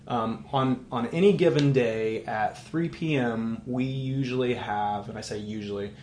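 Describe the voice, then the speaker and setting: A man's voice: mid-range voice, measured pace, a little mellow, roomy sound, a little hiss or hum. A man speaking as a guest in a casual tech interview, explaining earnestly with many restarts.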